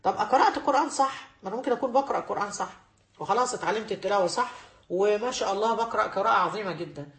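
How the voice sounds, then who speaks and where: A woman's voice: mid-range voice, rapid-fire, echoey room. A woman with an Egyptian accent giving a religious lesson to women, emphatic and repeating key phrases to drive them home. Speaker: religious teacher.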